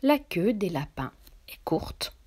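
Slow, breathy woman telling a bedtime story. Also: mid-range voice. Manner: slow, expressive, drops into whispers.

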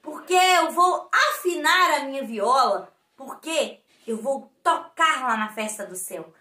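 A woman's voice: sits high, expressive, measured pace, pushed and bright, full character voice. A woman with a Brazilian accent voicing a grumpy, boastful male vulture musician in a children's story, in a mock-stern, scolding tone. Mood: gruff. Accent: Brazilian Portuguese. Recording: echoey room.

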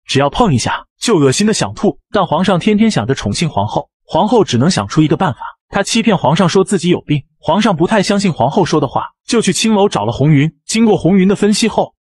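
A man narrating a comic story recap in brisk, animated scripted narration. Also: a little high, breathy edge, no echo.

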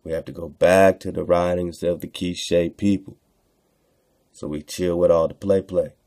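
Recorded dry at studio quality, a radio host speaks at normal speed in a low, dark voice with a level tone. He reads texts aloud with informal commentary, repeating phrases for emphasis in a rhetorical, preacher-like way.

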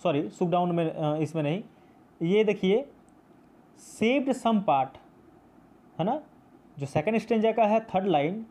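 A male teacher from India explains a poem in a class video, patient and repetitive, blending English terms into his speech. His voice is high and warm.

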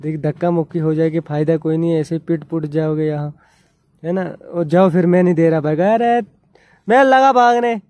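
High-voiced man bantering loudly. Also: moderate pace, no echo, studio quality. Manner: loud, pushy, teasing. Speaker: vlogger pulling a prank. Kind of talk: casual prank vlog banter. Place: outdoors by the road with motorbikes.

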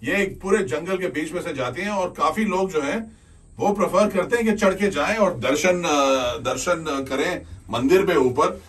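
A man's voice: on the high side, moderate pace, recorded from a distance. A man in his forties co-hosting a travel vlog from inside a cable car, chatty and joking as he points out the views. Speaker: travel show co-host.

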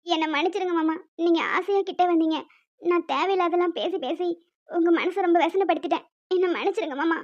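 A woman's voice: very high-pitched, fast talker, darkish tone, muffled recording. Woman voicing Anitha, a tearful cartoon young wife. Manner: pleading, sorrowful, deferential.

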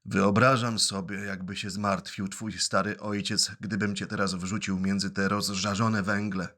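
Gruff bearded giant puppet-show boss, hoarse and booming, read by a man. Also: little pitch movement, a little slow. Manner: loud shouting orders, sneezes.

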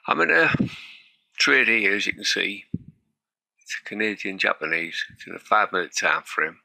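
A man's voice: lowish voice, very animated, moderate pace, creaky, bright, forceful tone, no room sound, low-quality recording. A man with a Teesside accent talks casually through a practice trade on screen. He sounds a bit unsure and often stops to restart a sentence. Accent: Teesside English. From North East England. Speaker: hobby forex trader.

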